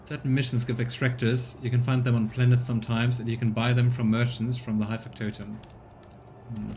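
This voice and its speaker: A man's voice: medium pitch, little pitch movement, fairly quick, a little mellow. Man narrating a game over noticeable noise. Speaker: let's player and streamer. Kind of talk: casual gaming commentary with read-aloud narration.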